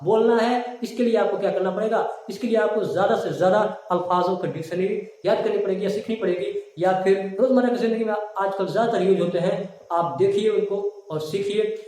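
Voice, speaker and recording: A man's voice: sits high, a little fast, mellow. A man teaching a spoken diction lesson, drilling words and asking questions to the viewer. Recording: very echoey room.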